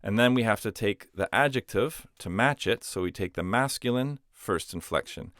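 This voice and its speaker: A man's voice: fairly low pitch, lively intonation, normal speed, fairly bright tone, dry recording, clean studio sound. A man explaining a grammar lesson patiently, step by step, with some "uh"s and restarts. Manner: patient, step-by-step explanations with frequent "uh" and self-corrections. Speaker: language teacher.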